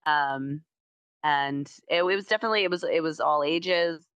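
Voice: mid-range voice, normal speed, fairly bright tone, clean tone, dry recording, highs cut off. An event organizer in casual chat, rambling with many fillers and self-corrections.

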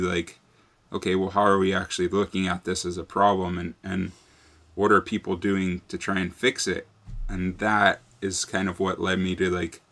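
A young man answering interview questions in a relaxed, casual way, full of "like". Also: low voice. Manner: relaxed, many fillers like "like". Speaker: guest.

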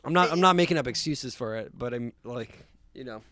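A relaxed man with an ordinary mid-range voice, chatting loosely on a podcast. He laughs often and keeps things casual. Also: medium pitch, a little fast. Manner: laid-back, laughs often, reads news aloud. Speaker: podcast co-host.

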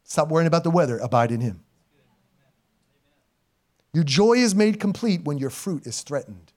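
A middle-aged male pastor preaching a sermon in church, moving from loud, emphatic exhortation to quiet, intimate asides, with informal slang. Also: fairly high pitch, animated, moderate pace. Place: church sanctuary. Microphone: live stream church mic.

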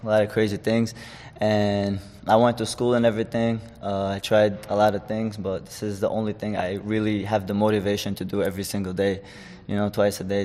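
Young fighter from Chechnya, lower-pitched man, casual interview talk, some hall reverb. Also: darkish tone. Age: 20s. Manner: loose, rambling, many fillers and restarts. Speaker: guest, amateur fighter.

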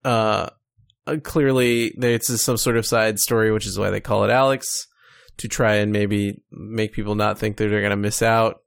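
A man's voice: on the low side, fairly even intonation, vocal fry, dry recording. A man co-hosting a podcast, talking about gaming news in a wry, joking way. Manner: wry, joking, quick to laugh. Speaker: podcast co-host. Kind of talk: casual gaming news chat.

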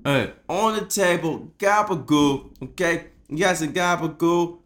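A man putting on a loud goofy Italian shopkeeper. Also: medium pitch, huge pitch swings, moderate pace. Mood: boisterous. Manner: shouting, repetitive, goofy. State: drunk.

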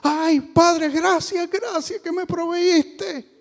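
A man's voice: fairly even intonation, slow pace, gravelly, long reverb tail, exaggerated voice. Preacher doing a pleading poor old woman. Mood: grateful. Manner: pleading, then high and grateful. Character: poor older woman praying for food.

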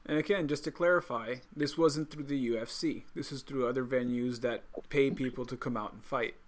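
A man hosting a podcast, asking quick, soft-spoken questions. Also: medium pitch, slight background noise. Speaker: podcast host. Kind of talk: interview questions.

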